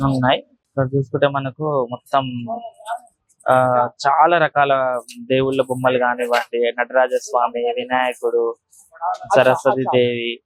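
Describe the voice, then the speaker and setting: A man with a medium-pitched voice, recorded roughly with no echo, narrates a casual walk-through vlog as a market tour host. He explains things straight to his viewers as he moves along, leaning on repetitive filler tags.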